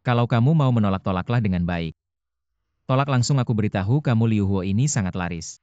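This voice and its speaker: A man's voice: on the low side, animated, a little fast, a little mellow, no echo, natural voice. A man dubbing a blunt, sarcastic young man in a TV drama, talking in a cutting way. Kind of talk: dubbed TV drama dialogue. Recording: dull lo-fi dubbing, dry.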